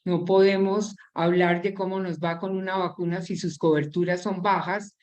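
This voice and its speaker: A woman's voice: on the low side, steady tone, moderate pace, darkish tone. A woman, a physician on a panel laying out her points in order. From Colombia. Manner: organized, lists points clearly. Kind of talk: panel discussion.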